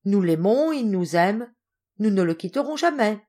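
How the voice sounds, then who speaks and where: A woman's voice: medium pitch, lively intonation, normal speed, dark tone, natural voice. A woman voicing an affectionate, eager young noble daughter who speaks fervently and effusively.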